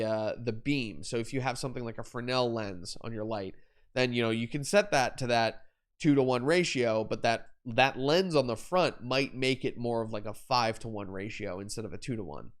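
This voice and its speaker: A young adult man with a medium-pitched voice speaks at a moderate pace while hosting a photography Q&A livestream. As he talks through lighting setups, he rambles, corrects himself, repeats words, and uses fillers.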